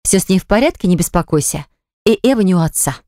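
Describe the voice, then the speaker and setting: A man voicing a calm young woman in an audiobook, cool and slightly mocking. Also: sits high, brisk, no echo, clean studio sound. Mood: cool, teasing.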